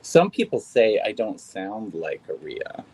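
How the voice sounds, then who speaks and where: A woman's voice: very deep voice, sing-song, a little slow, dark tone, breathy edge, full character voice, low-quality recording. A woman playing an anxious, apologetic young volunteer. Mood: earnest. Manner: hesitant and apologetic, with frequent "I'm sorry". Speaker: volunteer on a visual-help app call. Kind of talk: stage play performed over video call.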